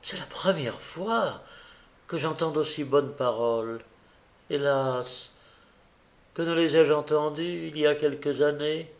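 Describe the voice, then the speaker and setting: A man's voice: a little high, slow pace. A man reading the part of a desperate, remorseful young woman who pleads through tears, in a fervent, anguished way.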